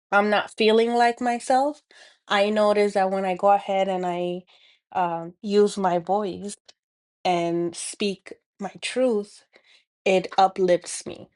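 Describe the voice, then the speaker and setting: Here a woman from the Dominican Republic, with a Dominican Spanish accent, delivers a spiritual healing talk straight to camera, reflective and earnest, restarting often and using plenty of fillers. Her mid-range voice is clean and a little mellow, with fairly even intonation and a slow pace.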